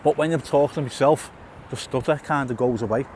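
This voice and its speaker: Here a middle-aged man with a lisp films a casual walk-and-talk vlog outdoors in a town, beside a tunnel. His mid-range voice is fairly quick and a little mellow, with slight background noise. Stutters, repeated and restarted words, and fillers run through his speech as the YouTuber talks to camera.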